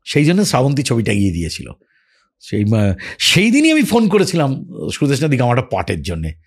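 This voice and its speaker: Animated man telling stories. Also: mid-range voice, a little fast, breathy edge. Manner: animated and reminiscing, acts out quoted lines. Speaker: actor as podcast guest. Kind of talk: casual storytelling interview.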